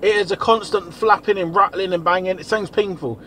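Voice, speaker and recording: A man's voice: sits high, steady tone, a little fast, heavy background noise. A man giving a blokey, informal video diary as a vlogger. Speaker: vlogger and van driver. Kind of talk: casual video diary chat.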